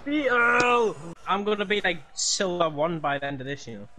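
A man bantering casually over a video game in an excitable, jokey, sweary way. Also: high voice, moderate pace, background noise. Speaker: gamer.

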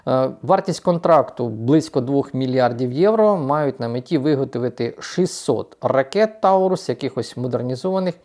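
A man's voice: medium pitch, dark tone. Man giving ironic news commentary. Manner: ironic, addresses viewers as friends. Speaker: political commentator.

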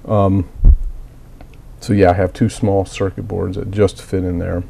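Speaking a little slowly, a man with a low, mellow voice and vocal fry shows little pitch movement, and there's slight background noise. He's a miniature hobbyist getting over a cold, coughing occasionally while plainly walking through a hobby build step by step in a casual tutorial with many fillers.

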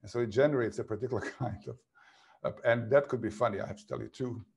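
A man's voice: mid-range voice, fast talker, gravelly, darkish tone. A man in his fifties, an author on a panel, speaking over a video call from a home office and working through his ideas in long, thoughtful clauses. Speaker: author guest. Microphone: video call, computer mic.

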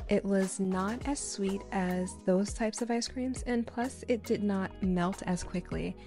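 A woman's voice: mid-range voice, takes it slowly, mellow. Woman, travel vlog narrator, casual chatty read over faint music. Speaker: travel vlogger.

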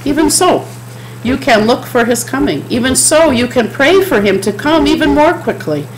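A woman's voice: high voice, animated, normal speed, slight background noise, low-quality recording. A middle-aged woman giving a chapel sermon from a home office, speaking in an earnest, repetitive preaching cadence into a desk webcam. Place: home office with bookshelves, indoors.

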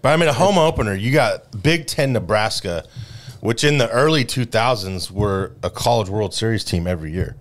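A man's voice: lowish voice, animated, moderate pace. A man co-hosting a casual sports podcast, talking emphatically and teasing his co-host.

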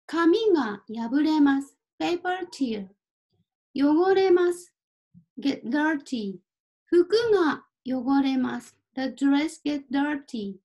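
A woman teaching Japanese, reading vocabulary words one at a time and clearly pronouncing each for learners to repeat. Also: high voice, mellow, muffled recording. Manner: clear deliberate word-by-word pronunciation. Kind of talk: slow vocabulary drill lesson.

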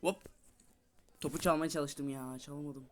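A young man casually commentating his own gameplay as the host, chatting excitably with teammates. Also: on the high side, moderate pace. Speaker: gaming video host.

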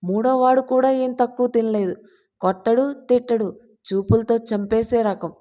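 A woman narrating an audio story in a steady storytelling reading. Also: on the high side, normal speed.

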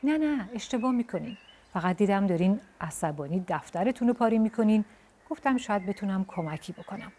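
A woman voicing a gentle, shy and polite young boy in a storybook tale. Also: mid-range voice, expressive, close to an everyday voice. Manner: soft-spoken and polite.

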